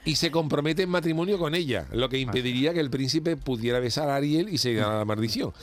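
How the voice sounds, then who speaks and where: A man retelling a film as a rapid, joking comic story. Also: mid-range voice. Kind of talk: comic storytelling with local jokes.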